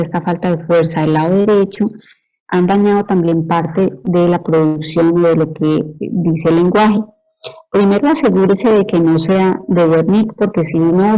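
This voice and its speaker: A woman's voice: lowish voice, mellow, poor audio. A woman lecturing on medicine, explaining patiently and checking in with her students after each point. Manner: explanatory, asks "¿sí?" to check understanding. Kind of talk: university lecture.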